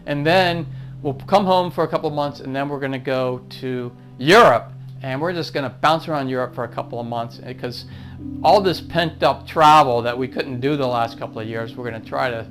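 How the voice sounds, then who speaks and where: Chatty man vlogging to camera. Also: mid-range voice. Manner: chatty, rambling, easygoing. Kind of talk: casual talk to camera. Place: indoors in front of a green screen.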